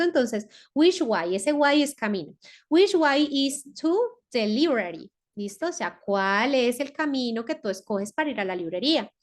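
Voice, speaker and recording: A woman teacher from Colombia, explaining a lesson step by step and often checking in with her students. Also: fairly high pitch. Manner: slow, repeats words and checks with "¿listo?". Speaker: English teacher.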